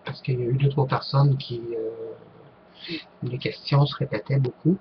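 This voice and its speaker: A man's voice: mid-range voice, steady tone, a little slow, muffled recording, slight background noise. A man with a Québécois accent answering viewer questions to camera, hesitant, with many fillers and restarts. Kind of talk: casual talk to camera.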